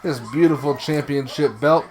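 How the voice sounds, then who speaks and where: Male co-host, casual and joking, with a loud crowd underneath. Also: a little high, fairly even intonation, moderate pace. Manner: joking, mock-smug. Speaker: live stream co-host. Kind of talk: casual watch-along chat. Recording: crowd noise behind. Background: crowd noise from the broadcast.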